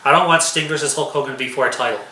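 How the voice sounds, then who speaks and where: A man's voice: mid-range voice, rapid-fire, sharp tone. A man co-hosting a casual wrestling prediction chat, announcing each match and giving his picks. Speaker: podcast co-host. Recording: echoey room.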